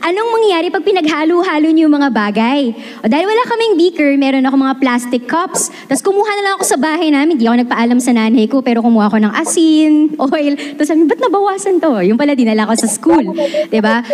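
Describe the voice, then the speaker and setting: A Filipino woman teacher speaks from a stage, her voice sitting high. Long reverb trails off her words through a big hall. She mixes Tagalog with English and puts questions straight to the audience. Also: a little mellow. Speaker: public school teacher giving a talk. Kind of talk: talk to a live audience with slides.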